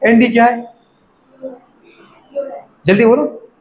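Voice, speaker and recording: A man teaching a classroom lesson, quizzing students in quick call-and-response and calling them beta. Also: very high-pitched, steady tone, lo-fi sound. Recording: echoey classroom with faint ambience.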